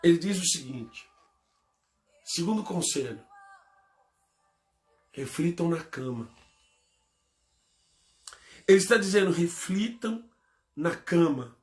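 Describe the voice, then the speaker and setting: A man preaching a sermon as pastor, with a Brazilian Portuguese accent, swinging between loud emphatic bursts and quiet low asides.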